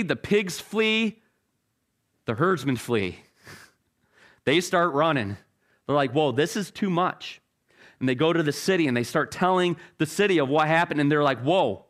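Man, middle-aged pastor, sermon, casual and conversational, self-deprecating humor, repeats and restarts words, mid-pitched voice.

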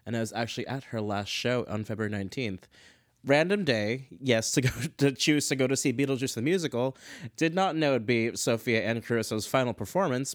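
A man's voice: mid-range voice, clean tone, no room sound, clean studio sound. A man hosting a casual solo commentary show, chatty and self-deprecating, wandering off on tangents. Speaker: podcast host.

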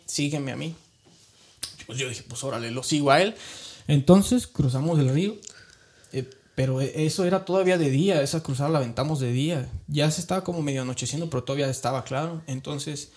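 A man's voice: on the high side, darkish tone. Earnest Mexican man telling his story. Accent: Mexican Spanish. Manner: earnest, colloquial, with frequent tag questions and restarts. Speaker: guest. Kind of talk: emotional personal storytelling.

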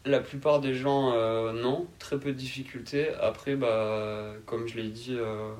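A man in his twenties with a southern French accent, answering interview questions in a calm, laid-back and hesitant way. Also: mid-range voice, a little slow. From south of France. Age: 20s. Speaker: interview guest.

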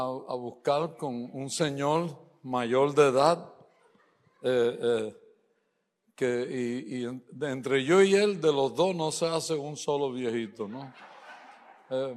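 A man's voice: medium pitch, slow. A middle-aged man preaching a lighthearted sermon, telling funny stories with playful asides to the congregation. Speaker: guest preacher. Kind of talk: humorous sermon in a church service. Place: church sanctuary. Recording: long hall reverb.

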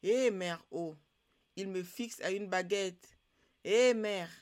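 A storyteller voicing a frightened captured catfish that cries out and pleads, slowly and loudly. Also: mid-range voice, monotone, clean tone, natural voice. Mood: wailing. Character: wailing captured catfish, fearful and lamenting.

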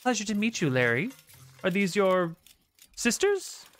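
A woman voicing a tiny, chirpy, excited female gnome shopkeeper in a tabletop game, gushing politely in a little voice. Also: medium pitch, a little slow, voice pushed up.

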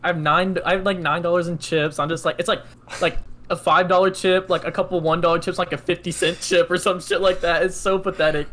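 A man's voice: sits high, little pitch movement, fairly quick, pushed and bright. A nineteen-year-old man, telling a long casual story on a podcast, rambling and filling every gap with "like". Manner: rambling, heavy use of "like", laughs often. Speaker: podcast co-host.

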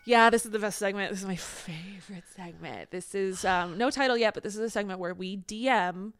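A woman's voice: mid-range voice, fairly quick, fairly bright tone, clear, resonant tone. A young woman co-hosting a podcast in casual chat, giggly and laughing often. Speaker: podcast co-host.

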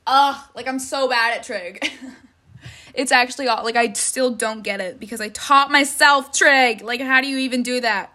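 A woman's voice: on the high side, normal speed, pushed and bright. A teenage girl venting about school in a casual vlog, exasperated, swearing and saying "like" constantly. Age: teens. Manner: exasperated, swears a lot, many likes. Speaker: high school student.

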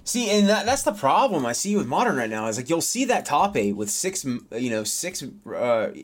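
A man's voice: fairly high pitch, big pitch swings, brisk. Rambling casual podcast guy. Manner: rambling, many restarts and fillers, yawning. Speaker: podcast co-host. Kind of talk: casual chat.

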